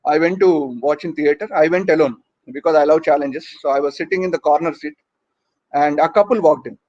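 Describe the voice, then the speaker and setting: A man's voice: fairly high pitch, a little fast, darkish tone. A man with an Indian English accent performing a stand-up comedy set for an online audience, teasing and chatty, full of tag questions. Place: home, virtual conference. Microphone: online call audio. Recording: dull lo-fi online audio.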